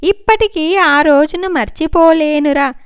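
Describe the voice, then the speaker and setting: Lady doing a sad anxious mom, high voice, pleading, close and dry. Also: unhurried, no echo. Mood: sorrowful. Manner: emotional, pleading. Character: worried middle-aged mother, tearful and anxious.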